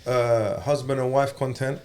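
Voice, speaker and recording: A man's voice: mid-range voice, steady tone, a little slow, darkish tone. London roadman-accented man, casual podcast talk. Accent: London, urban street. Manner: street slang, frequent check-in questions. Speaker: podcast host.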